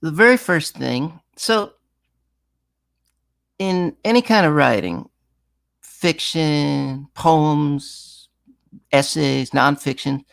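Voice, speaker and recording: Gravelly-voiced man teaching songwriting. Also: on the high side, expressive, extremely slow, long pauses, a bit bright. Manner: conversational, full of restarts, breaks into sung and acted examples. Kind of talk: casual masterclass talk.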